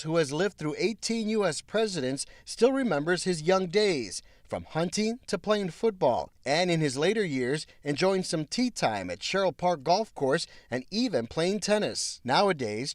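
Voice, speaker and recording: A man's voice: fairly high pitch, expressive, moderate pace, few pauses, no echo, studio quality. A man with an American accent reading scripted narration for a local community news feature.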